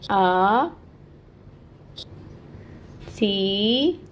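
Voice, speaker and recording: A woman speaks extremely slowly in a mid-range voice, with a little hiss or hum present, while teaching Quran recitation in an online lesson. She explains patiently and stepwise, checking in with "okay" and drawing out the sounds she shows.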